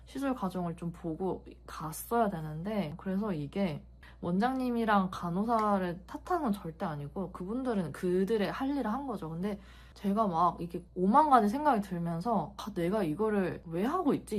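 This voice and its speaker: A young woman talking to camera in a casual vlog, telling her story with emotion and candor, acting out sounds as she goes. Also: mid-range voice. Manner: emotional, candid storytelling with vivid sound words. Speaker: beauty vlogger.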